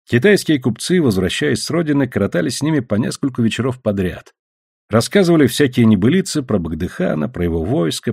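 A male audiobook narrator with an animated, rising and falling delivery. The sound is dry and close, with no room around it. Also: mid-range voice, gravelly, husky, no echo. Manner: expressive reading, voicing characters.

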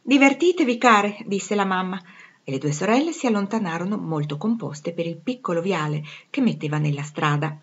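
A woman voicing a gentle, motherly woman giving kind instructions to her daughters. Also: on the low side, expressive, brisk, breathy edge, highs cut off. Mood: caring.

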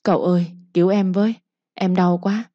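A woman's voice: lowish voice, little pitch movement, a little fast, dry recording, lightly acted. A woman voicing a sly young female servant who whimpers and pleads while faking pain. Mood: whimpering. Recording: slightly muffled recording.

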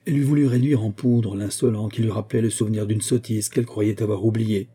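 A man narrating an audiobook in a measured, deliberate way. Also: lowish voice, fairly even intonation, mellow, husky.

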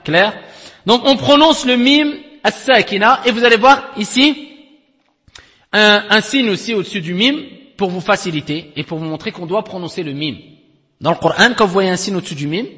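Guy teaching a recitation class, high bright voice, lots of long reverb in the room. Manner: explains step by step, often checks with "d'accord?" and "clair?"; chants recitation examples slowly. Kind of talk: recorded tajwid lesson.

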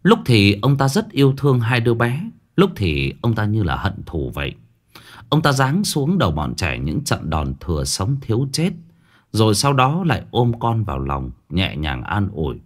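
A man narrating a horror story in an expressive, dramatic storytelling style. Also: mid-range voice, normal speed.

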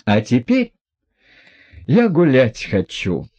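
A man's voice: mid-range voice, huge pitch swings, slow pace, mellow, breathy edge, lo-fi sound, full character voice. A man reading an audiobook, voicing a proud, reckless young woman who talks in a mocking, defiant way. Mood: defiant scornful.

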